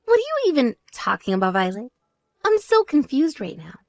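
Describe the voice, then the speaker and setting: Story read: a woman playing a spoiled younger sister, boastful and taunting, pitch high and swooping, dry close sound. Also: huge pitch swings, a little fast, gravelly, no echo, faint music behind, full character voice. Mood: indignant. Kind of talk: voiced text story dialogue.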